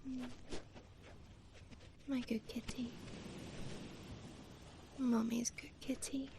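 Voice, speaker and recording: In an ASMR comfort roleplay, a woman plays an affectionate mother figure, whispering tenderly in a soft, breathy voice with lingering pauses. Her pitch sits a little high and barely moves, and there is background noise.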